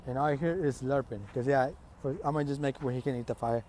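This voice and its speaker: A man's voice: mid-range voice, steady tone, fast, darkish tone, slight background noise. A man casually telling an improvised fan story, rambling and profane with many fillers.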